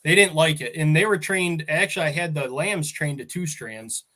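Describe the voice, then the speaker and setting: A man's voice: a little high, moderate pace, pushed and bright. Casual rambling farmer man. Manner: rambling, storytelling, laughs often. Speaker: farmer guest. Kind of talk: casual chat.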